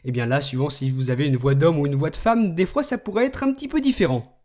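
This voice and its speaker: A man hosting a tech video, explaining a phone's features in a relaxed way and speaking commands to it. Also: a little high, fast. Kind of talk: screen demo tutorial.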